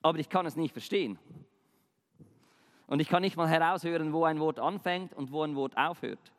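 Speaking briskly in a voice on the high side, this man talks straight to the viewer about language and communication, posing questions in a casual, explanatory style. The recording has a big-room sound.

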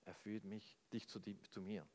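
A wise, gentle old grandmother speaks quietly and calmly, as a preacher quotes her in his own voice. Her words are soft and reassuring. The sound carries a long reverb, as in a large hall or church. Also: on the low side, moderate pace, lightly acted.

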